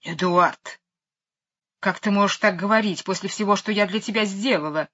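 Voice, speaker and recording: A woman's voice: normal speed, sharp tone. A woman reading an audiobook voices a fussy, hysterical older lady who wails melodramatically over her dog. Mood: tearful. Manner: shrill, wailing and melodramatic. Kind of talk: audiobook character voice. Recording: dull lo-fi recording.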